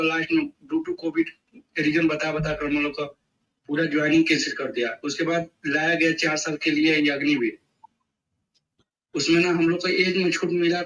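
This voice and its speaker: A man's voice: a little high, a bit bright. Earnest man calling in from far off. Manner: earnest, repetitive complaint. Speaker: caller. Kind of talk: call-in question. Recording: far-off echoey line.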